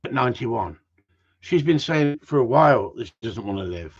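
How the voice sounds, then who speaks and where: Rambling, swearing man, husky voice. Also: mid-range voice, expressive, moderate pace. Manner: swears a lot, jumps between topics, loud outbursts. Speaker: gundog breeder livestreaming. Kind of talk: rambling casual chat to viewers. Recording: dull lo-fi home stream.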